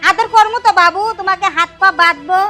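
A woman's voice: very high-pitched, pushed and bright, soft background music. Young woman playing a sly bossy schemer. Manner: brisk, sly and commanding. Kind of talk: comedy TV play acting.

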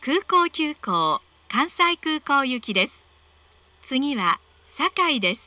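A woman reading scripted train announcements in a polite, measured, formal way. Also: sits high, very animated, pushed and bright, dry recording, dull audio.

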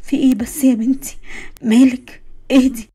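A woman with an Egyptian accent voicing a tender middle-aged mother who gently soothes her crying daughter. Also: high-pitched, steady tone, fairly quick, slightly rough. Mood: soothing. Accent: Egyptian Arabic.

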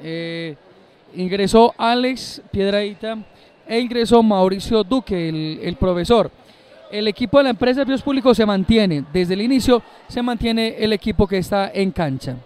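A man's voice: sits high, expressive, moderate pace, a little mellow, smooth. A man giving live match analysis as a co-commentator, emphatic and repeating his phrases.

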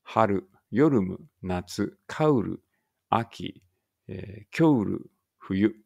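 A man with a low, gravelly voice works through a vocabulary list at a very slow, unhurried pace. He reads each word and follows it with its meaning, stumbling over a few sounds. A faint Ibaraki lilt colours his plain, self-practice reading. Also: lively intonation, a little mellow. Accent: Ibaraki Japanese. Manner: reads each word then its meaning, with small slips and asides. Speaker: language learner reading vocabulary aloud.

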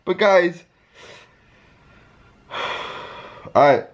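A man's voice: sits high, lively intonation, drawn-out words, lo-fi sound. A man in his twenties chatting casually as a reaction vlogger, slangy and laid-back. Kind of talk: casual reaction vlog chat. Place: bedroom, reclining on a bed.

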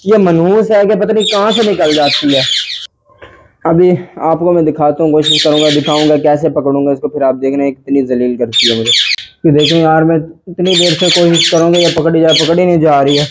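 Fairly quick and fairly even in intonation, this slightly high male voice belongs to a Pakistani bird keeper who vents his frustration in casual vlog narration. Around him, birds in the indoor aviary chirp and squawk noisily.

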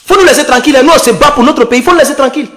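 A man's voice: very high-pitched, rapid-fire, fairly bright tone. A man with an Ivorian French accent, taunting and scornful, ranting on a late-night livestream into his phone. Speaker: online political activist.

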